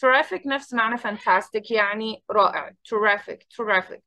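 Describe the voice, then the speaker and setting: A woman with an Egyptian Arabic accent teaching English, explaining quickly in Arabic and modelling English phrases slowly and carefully. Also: mid-range voice, pushed and bright, no room sound. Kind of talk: bilingual English lesson.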